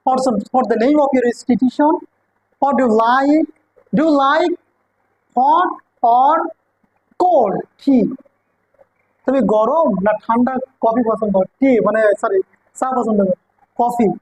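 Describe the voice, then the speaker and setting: A woman's voice: high-pitched, slow pace, long pauses, darkish tone, rough recording. A woman with a Bengali accent teaching an English grammar class, often checking whether her students understand. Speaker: English teacher at a coaching center.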